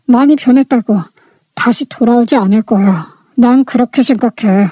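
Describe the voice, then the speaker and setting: A woman voicing a blunt, ashamed young eldest son, speaking low and flat in a storybook reading. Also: moderate pace, dry recording, studio quality, natural voice. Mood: grave.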